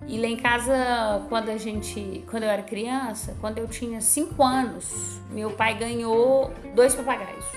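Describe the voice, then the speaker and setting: A woman with a Brazilian accent, co-hosting a casual chat, talkative and quick to share her own stories. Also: a little high, fairly even intonation, echoey room, soft background music. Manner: chatty, talkative.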